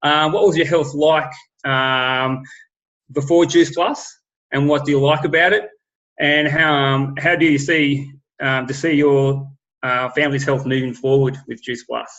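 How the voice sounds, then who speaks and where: A man of middle pitch gives an upbeat product pitch, halting now and then with ums and restarts. His voice comes through dull, lo-fi video-call audio. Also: steady tone, a bit bright. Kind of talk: sales presentation.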